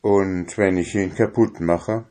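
A man's voice: low voice, steady tone, takes it slowly, dark tone. A man voicing an anxious, easily flustered male dwarf in a storybook reading. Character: fretful bearded male dwarf.

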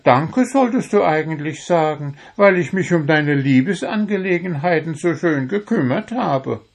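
A man voicing a cheerful, meddling little male kobold in a high, bubbly, chatty voice. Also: animated, moderate pace, creaky. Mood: cheerful teasing.

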